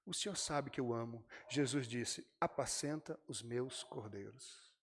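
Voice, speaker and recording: A pastor with a Brazilian Portuguese accent delivers a sermon in church, talking directly to the congregation and performing the characters' dialogue. His medium-pitched voice is measured, with a long reverb tail and slight background noise.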